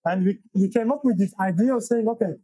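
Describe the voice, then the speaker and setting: A man from Belgium in his thirties, speaking in a high, husky voice with a warm, dark tone. He talks haltingly, restarting often. Dry, close sound from a lapel mic. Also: dry recording, low-quality recording. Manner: halting, many restarts and fillers. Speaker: guest, software engineer and founder. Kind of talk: casual interview. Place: small wood-paneled room, indoors.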